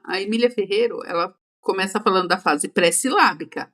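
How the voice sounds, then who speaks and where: Woman teaching an exam-prep lesson. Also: on the high side. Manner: explains step by step, checks in with tag questions.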